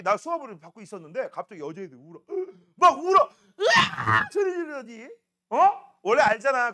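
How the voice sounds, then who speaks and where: A middle-aged man teaching a science class, telling animated stories and throwing in chatty rhetorical questions. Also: high voice. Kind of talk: classroom lecture.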